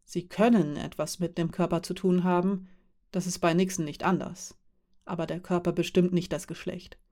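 A woman reading the lines of a calm, friendly man who is part elf and part dwarf, explaining things with quiet amusement. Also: lowish voice, moderate pace, close to an everyday voice.

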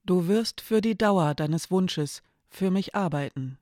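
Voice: medium pitch, slow pace, darkish tone, dry recording, studio quality, close to an everyday voice. Narrator voicing a terse, eerie mirror being. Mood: cool, terse. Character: eerie mirror being in a thin pale woman's shape, calm and terse.

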